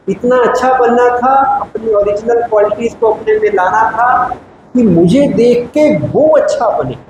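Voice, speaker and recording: A man giving a spiritual discourse to a live audience as a teacher, asking emphatic rhetorical questions and explaining patiently. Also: sits high. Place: large meditation hall. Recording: very echoey hall with clear background noise.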